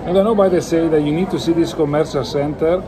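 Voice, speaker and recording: A travel vlogger in his forties talks fast in a steady, slightly high voice, his phone camera held at arm's length. He wanders an indoor mall and restaurant narrating casually and thinking aloud in non-native English phrasing, with loud crowd chatter and mall noise in the background.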